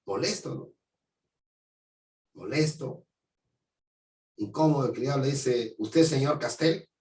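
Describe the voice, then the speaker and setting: A man's voice: medium pitch, a little mellow. Guy retelling a novel's story, chatty, keeps tossing in little tag questions, mic kinda far off in an echoey room. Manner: conversational, often adds tag questions, briefly acts out quoted lines. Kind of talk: casual spoken plot retelling.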